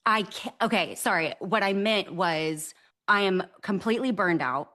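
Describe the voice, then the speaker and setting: A woman's voice: mid-range voice, moderate pace, bright, forceful tone. A woman hosting a casual podcast chat, easygoing and full of short agreements, thinking aloud as she frames her question. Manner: easygoing, frequent short agreements, searching phrasing.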